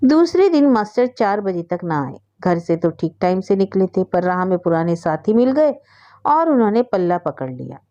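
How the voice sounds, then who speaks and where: Mellow-voiced woman reading a story. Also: fairly low pitch, muffled recording.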